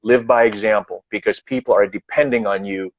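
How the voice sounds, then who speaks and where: A man's voice: on the low side, fairly even intonation, fairly quick, no room sound. Emphatic guest speaker, man, repeats points, dull dry call audio. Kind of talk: earnest advice in a live online chat.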